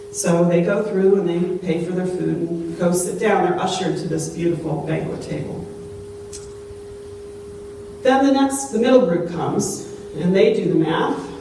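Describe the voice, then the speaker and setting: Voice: medium pitch, darkish tone. A pastor giving a sermon through a pulpit microphone in a church, telling a story in a conversational way and putting questions to the congregation. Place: church sanctuary. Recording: very echoey church, distant mic, faint hum.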